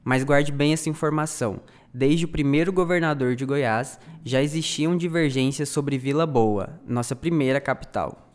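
A man narrating a history podcast from a script, clear and didactic, addressing the listener directly. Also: fairly high pitch, moderate pace.

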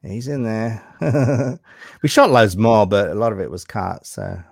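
A man's voice: fairly low pitch, a little slow, creaky, a little mellow, husky, dry recording, studio quality. Chatty puppeteer guy in an interview, easygoing, lots of you-knows. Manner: chatty and easygoing, many fillers. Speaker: puppeteer guest. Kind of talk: casual interview chat.

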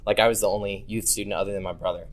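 A man's voice: on the low side, steady tone, rapid-fire. A young man telling his personal faith testimony in a casual way, full of fillers and acting out bits of dialogue from his childhood. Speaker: youth ministry volunteer.

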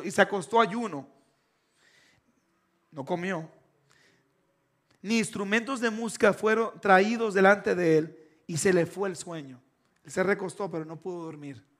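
A man preaching a sermon with emphatic, repeated phrases, swinging between loud bursts and hushed, slow lines. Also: high-pitched.

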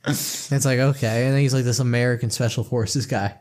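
A man of middle pitch co-hosting a comedy podcast. He rambles along with many fillers and delivers his jokes deadpan in loose, casual chat. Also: a little fast. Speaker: podcast co-host.

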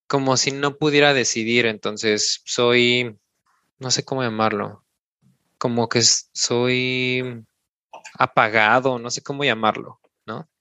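A man's voice: mid-range voice, steady tone, takes it slowly, sharp tone, clean tone, no echo. A man with a Mexican accent, a podcast coach talking listeners through an exercise step by step, often tagging his sentences with a questioning "no?". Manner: explains step by step, tags sentences with "¿no?". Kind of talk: instructive podcast talk.

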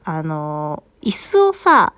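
A woman's voice: deep voice, takes it slowly. A woman in her thirties, co-hosting a casual podcast chat and telling stories with frequent laughs. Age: 30s. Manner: animated storyteller, laughs often. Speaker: podcast co-host.

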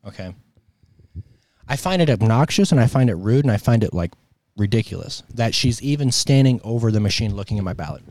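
A man's voice: lowish voice, expressive, brisk, a little mellow, no room sound. An American man with a sore throat, delivering an opinionated political monologue in an emphatic, exasperated, colloquial way. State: sore throat with coughing and throat clearing. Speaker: host of a political commentary show.

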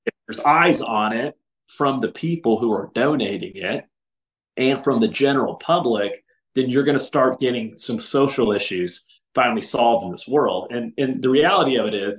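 A man's voice: medium pitch, low-quality recording. A man as a podcast guest, talking earnestly in casual conversation with frequent restarts and filler words.

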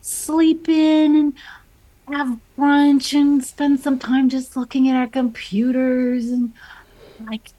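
A painter in her thirties tells stories in a casual interview, chatty and heavy on fillers and restarts. Her voice is high-pitched, mellow and level, delivered slowly, on a rough recording.

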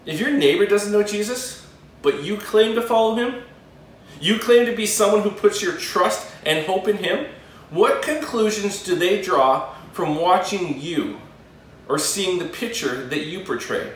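A male pastor giving a sermon with earnest, emphatic pauses. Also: high voice, animated, a little hiss or hum. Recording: very echoey room, voice from a distance.

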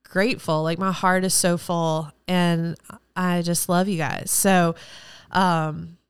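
In her solo podcast monologue, a woman who used to teach speaks slowly and clearly, her resonant, low-leaning voice showing little pitch movement and no echo. She hosts the show alone, rambling in an effusive, emotional way.

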